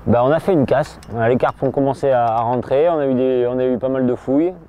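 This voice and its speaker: A man commenting casually while fishing at a pond, relaxed and hesitant, often restarting his sentences. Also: medium pitch, fast. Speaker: fishing angler presenter. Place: outdoors by a pond.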